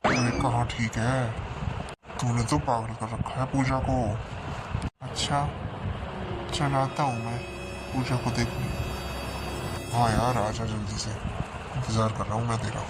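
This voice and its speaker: A man playing a flustered young husband in a comic sketch, talking fast to cover himself. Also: medium pitch, flat delivery, natural voice. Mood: casual. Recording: loud background noise.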